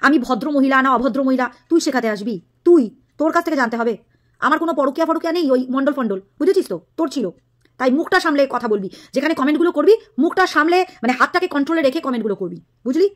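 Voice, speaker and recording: Woman vlogger with a high voice, scolding and mocking a rival straight to camera. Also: animated, racing. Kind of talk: angry direct-to-camera rant.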